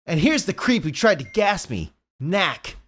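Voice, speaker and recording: A man's voice: high-pitched, sing-song, a little slow, fairly bright tone, pitched above the performer's own voice, exaggerated voice. A man voicing a cocky, taunting young hedgehog hero from a comic-book script. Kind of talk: amateur comic-book script read-aloud.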